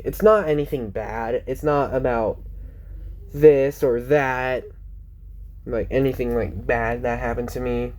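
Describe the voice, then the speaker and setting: A man's voice: medium pitch, a little mellow. A teenage boy vlogging from home, rambling with lots of fillers and self-corrections, sounding close to tears. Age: teens. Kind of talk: casual rambling vlog.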